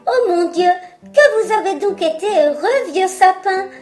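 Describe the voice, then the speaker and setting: A woman's voice: very high-pitched, expressive, a little slow, darkish tone, faint music behind, voice pushed up. A woman voicing a chorus of tiny, curious mice who ask eager, nosy questions. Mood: admiring.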